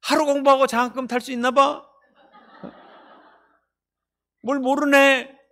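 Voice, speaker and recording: A man's voice: very high voice, level tone, brisk, pushed and bright, pitched above the performer's own voice, full character voice. A man voicing a scornful male tempter who taunts a believer's weaknesses in a sermon. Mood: mocking.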